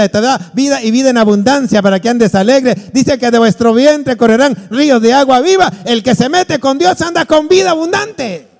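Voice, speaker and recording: A pastor with a high voice preaches to his congregation with lively, theatrical delivery. He acts out what people say in his stories. His voice rings with a long reverb through the church hall. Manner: animated preaching with acted-out quotes. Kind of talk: sermon.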